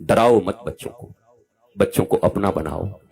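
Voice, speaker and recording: A man's voice: sits low, moderate pace, vocal fry, breathy edge. Man in his fifties giving a spiritual discourse. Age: 50s. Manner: animated, swinging between loud exhortation and soft asides to the crowd; addresses listeners directly and affectionately. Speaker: spiritual teacher.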